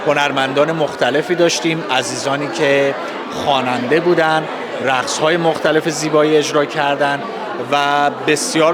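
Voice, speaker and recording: A man with an Iranian Persian accent giving formal, courteous, halting interview answers. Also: on the high side. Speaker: festival organizer interviewee. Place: public festival space with crowd. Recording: busy crowd noise, outdoor public event.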